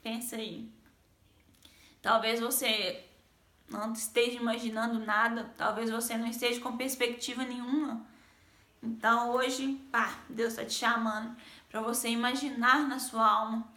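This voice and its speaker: Chatty high-voiced Brazilian woman. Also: level tone, unhurried, sharp tone, reverberant. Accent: Brazilian Portuguese. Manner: chatty, keeps addressing viewers directly. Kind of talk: devotional vlog with personal storytelling.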